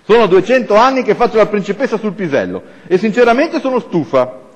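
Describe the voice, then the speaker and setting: A shrill, exasperated fairy-tale princess, read out by a man, raised above his normal speaking voice. She sounds at the end of her patience and snaps out her complaints. The long reverb of a council chamber trails behind her. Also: very animated, fairly quick, breathy edge, heavily acted. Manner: angry shrill reading voice. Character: fed-up hysterical fairy-tale princess, woman.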